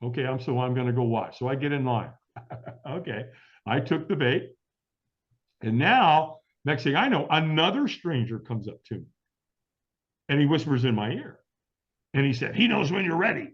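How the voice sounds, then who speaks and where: Through dull lo-fi audio, a middle-aged man on an interview show recounts a story vividly, performing the dialogue and laughing often. His mid-range voice is animated, at normal speed, with frequent pauses.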